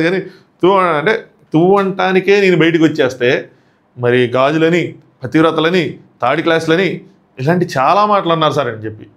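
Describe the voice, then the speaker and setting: A man's voice: a little high, fairly bright tone. A man reviewing a reality show, animatedly acting out quoted exchanges as he recaps them.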